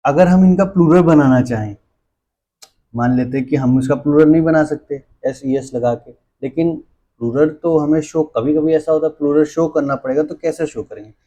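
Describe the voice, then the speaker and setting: A man's voice: fairly high pitch, moderate pace, warm tone. A man teaching English grammar for exams, spelling words out letter by letter and repeating key terms as he checks in with his students. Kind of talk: classroom-style exam lesson.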